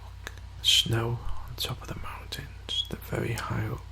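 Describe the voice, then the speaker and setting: A man leading an ASMR guided meditation in a hushed, soothing, half-whispered voice with long pauses. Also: medium pitch, monotone, gravelly, low-quality recording.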